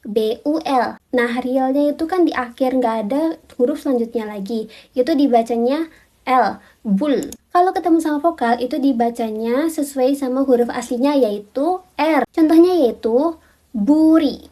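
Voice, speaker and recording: A woman giving a casual video lesson on reading Korean. She talks in a chatty way, repeats each example word slowly and clearly, and gives viewers playful little orders. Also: high-pitched, dark tone. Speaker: Korean language teacher.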